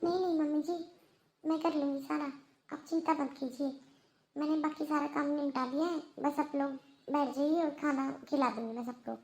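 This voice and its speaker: A woman's voice: sits high, fairly even intonation, normal speed, darkish tone. A woman voicing a young orphaned daughter-in-law in a cartoon, dutiful and sorrowful, who pleads earnestly. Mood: plaintive. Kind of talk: Hindi cartoon voice acting.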